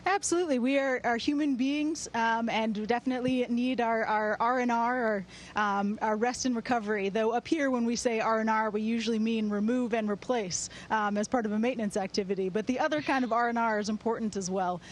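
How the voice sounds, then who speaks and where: A woman answering interview questions as an astronaut in a measured, explanatory way. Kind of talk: interview answers over a space-to-ground link. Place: aboard a space station. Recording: steady rumbling background noise on link.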